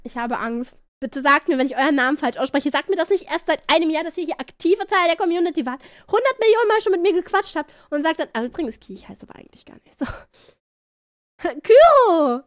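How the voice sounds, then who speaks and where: Woman streamer reacting to clips: high, bouncy voice, excitable, playful word repetition, dry mic. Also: fast, hardly any pauses, no echo. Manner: excitable, shrieks and laughs often; playful, repeats words.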